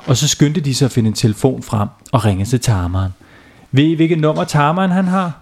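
A man's voice: medium pitch, lively intonation, darkish tone. A man, a father, telling a silly bedtime story to children, playful and often asking them questions.

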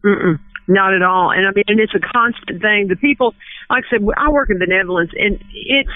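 A woman in her fifties from West Kentucky, a guest calling in who recalls a personal memory earnestly, with halting restarts. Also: medium pitch, dry recording. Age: 50s. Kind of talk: emotional personal recollection on the phone. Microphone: telephone. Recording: tinny phone line.

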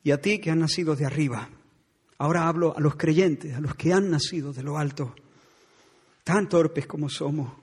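A man's voice: a little high, normal speed. A middle-aged man preaching a sermon as pastor, impassioned and pleading. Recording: husky voice in long church reverb.

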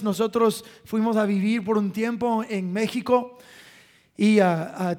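A man preaching a sermon through family stories, emphatic, repeating phrases and chuckling between points. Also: high voice.

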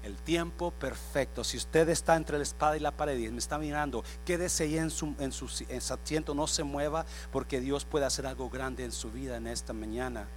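A male pastor preaching a sermon, dropping to a hush and then rising to shouts, mixing in English phrases. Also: medium pitch, brisk, few pauses, soft background music. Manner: swings from hushed to shouting, mixes in English phrases.

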